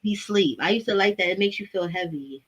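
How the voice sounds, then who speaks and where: A woman's voice: medium pitch, quick pace, fairly bright tone, breathy edge, dull audio. A woman hosting a casual podcast chat over an online call, talking loosely and profanely and rambling with frequent laughter. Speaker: host.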